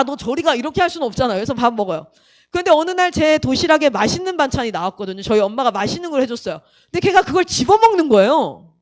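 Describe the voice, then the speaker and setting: A woman missionary telling her own story to a young crowd, in a high voice that leaps up and down as she goes. She acts out other people's lines as she tells it and keeps turning to the listeners with direct questions. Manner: addresses the audience with direct questions. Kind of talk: personal testimony talk to a youth camp audience.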